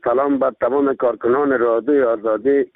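A man's voice: mid-range voice, fairly even intonation, no echo. A man with an Afghan accent, a caller to a radio show, making a spontaneous, pleading appeal. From Logar, Afghanistan. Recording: tinny narrow phone-like line, dry.

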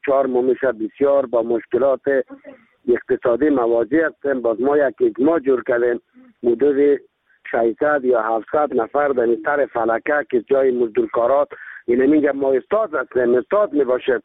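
A man's voice: mid-range voice, fairly even intonation, no room sound. A man with an Afghan accent, a caller to a radio show, making a spontaneous, pleading appeal. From Logar, Afghanistan. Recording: tinny narrow phone-like line, dry.

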